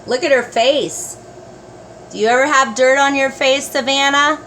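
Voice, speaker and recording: Grandma reading a kids story, high voice, takes it slow, chats to the little ones, bit of background noise. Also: female voice. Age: older. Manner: grandmotherly, slow and expressive, addressing small children. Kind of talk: read-aloud storytelling with asides to children.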